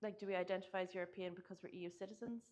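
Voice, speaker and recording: A woman's voice: mid-range voice, fairly even intonation, very fast, darkish tone. A young woman from Ireland, giving a presentation about her research in an earnest, casual way, often saying "kind of" and "like". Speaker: conference speaker. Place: conference hall.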